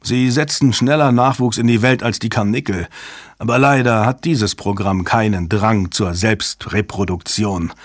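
A man voicing a brash, loud male computer security chief who talks in a sarcastic, booming, scornful way. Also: fairly even intonation, a little slow, no echo, clean studio sound, lightly acted.

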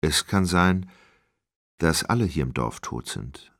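A man's voice: rumbling low, lively intonation, takes it slowly, gravelly, a bit bright, dry recording, clean studio sound, exaggerated voice. A man reading an audiobook, voicing an urgent female police officer who questions witnesses in a clipped, insistent way.

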